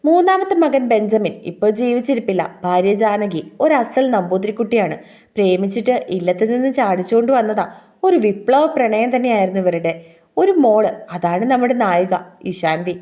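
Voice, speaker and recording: A woman's voice: medium pitch, dark tone. Woman reading a love story.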